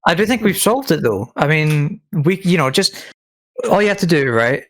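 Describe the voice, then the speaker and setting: A man's voice: on the high side, sing-song, a bit bright, a little hiss or hum. Chatty man hosting a gaming podcast. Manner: chatty, stammers, quick to correct. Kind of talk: casual chat.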